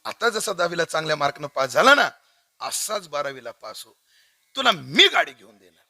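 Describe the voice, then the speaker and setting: A man's voice: fairly high pitch, sing-song, normal speed, bright, forceful tone, full character voice. A man voicing a doting village mother who coaxes and teases her son. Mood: coaxing.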